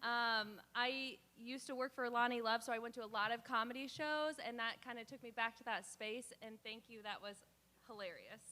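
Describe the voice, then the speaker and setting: A woman's voice: on the high side, normal speed, bright, forceful tone. A woman judging a talent show, gushing with delight between exclamations. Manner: gushing and laughing. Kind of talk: giving feedback. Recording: echoey hall, faint crowd.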